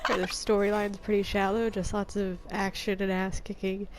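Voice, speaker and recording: A woman's voice: medium pitch, little pitch movement, normal speed. A woman with a stuffed nose from crying, giving casual gameplay commentary, stunned and reflective. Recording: old clip with loud noise.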